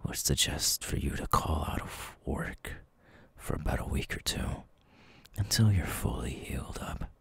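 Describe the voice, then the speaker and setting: Man acting out Eyeless Jack, very deep whispering monster. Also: lively intonation, dry recording, exaggerated voice. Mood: darkly fond. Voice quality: breathy, gravelly whisper. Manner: slow, deliberate, taunting. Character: menacing eyeless male night creature, sadistically fond and teasing. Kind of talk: ASMR audio roleplay.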